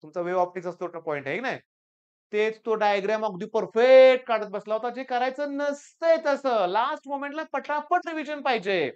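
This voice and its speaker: A man's voice: extremely high pitch, brisk, clear, resonant tone, lo-fi sound. A middle-aged man, a tutor, giving an emphatic exam-preparation talk to students and telling stories from his classes. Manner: emphatic and urging, tells anecdotes to students. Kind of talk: exam-prep teaching talk.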